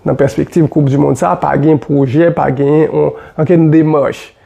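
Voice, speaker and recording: Gravelly Haitian man commenting on football. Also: on the high side, unhurried. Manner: animated, repeats points with many fillers.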